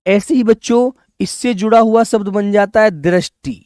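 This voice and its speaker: A man with a fairly high voice teaches an online language class, recorded dry and close. He calls his students "child", repeats each word slowly, and keeps nudging them along. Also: a little mellow, no echo. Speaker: Hindi teacher.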